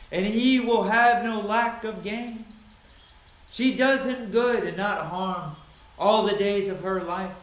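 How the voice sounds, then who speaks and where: Scripture is declaimed solemnly by a man whose voice is high and fairly bright, every phrase placed deliberately in dramatic fashion. He is a Bible reader, and heavy echo and reverberation fill the recording.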